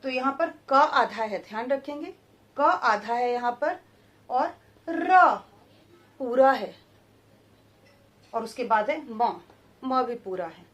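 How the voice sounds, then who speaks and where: A woman teaching a grammar lesson to children in a high, clear voice. She speaks slowly and deliberately, repeating each word and sounding out its syllables one at a time. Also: expressive. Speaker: Hindi teacher.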